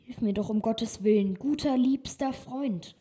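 A woman voicing a naive, cheerful young man in a storybook reading, with a husky voice and a simple-hearted, easily pleased manner. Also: fairly high pitch, measured pace, dark tone. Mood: alarmed.

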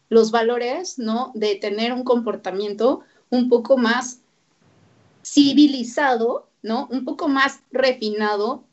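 A high-voiced woman, speaking as a therapist guest on a radio show. She talks animatedly and acts out the voices of parents and children. The radio audio sounds dull and lo-fi. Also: a little mellow. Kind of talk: radio interview.

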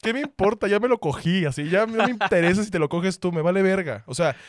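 A young man with a Mexican Spanish accent chatting casually as co-host, animated, acting out quoted voices and swearing freely. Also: sits high, fast talker, no room sound, studio quality. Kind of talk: casual chat.

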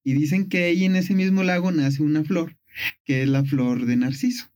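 A man's voice: on the high side, normal speed, darkish tone. A man casually retelling a myth on a chat show, playful and full of fillers. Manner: playful, storytelling with lots of fillers.

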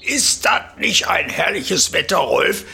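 Man acting a rambling grandpa storyteller, husky high-set old voice, animated swoops, folksy, Ruhr accent, comic podcast. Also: takes it slowly, heavily acted. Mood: cheerful. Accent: Ruhr area German.

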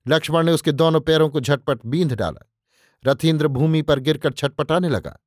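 A man's voice: a little high, normal speed, darkish tone, no room sound. A man narrating an audiobook in a vivid, declamatory storytelling style, close on the mic. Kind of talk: dramatic scripted narration.

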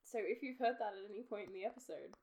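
She is a woman, co-hosting a laid-back podcast. Her talk is casual, teasing and quick to giggle, pitched in an ordinary middle range. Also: darkish tone, rough recording. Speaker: podcast co-host. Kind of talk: casual chat.

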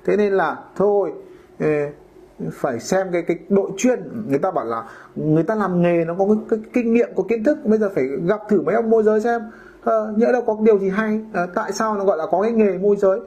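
Male podcast host, high voice, colloquial storytelling that slips into mimicked voices, dull lo-fi sound. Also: fast, dark tone. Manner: colloquial, acts out homeowners and brokers in quoted voices. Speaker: podcast host, real estate broker. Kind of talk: casual podcast monologue.

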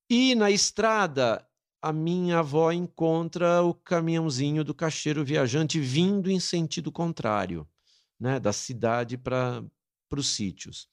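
A middle-aged Brazilian man, a guest in an interview, earnestly telling an emotional family story. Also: a little high. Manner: earnest, emotional, dramatic retelling. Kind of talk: personal storytelling.

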